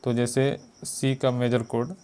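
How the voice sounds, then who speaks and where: Speaking slowly, with little movement in his mid-range pitch, an Indian man teaches piano methodically. He keeps patiently repeating note names and finger counts while a piano plays loudly in the background.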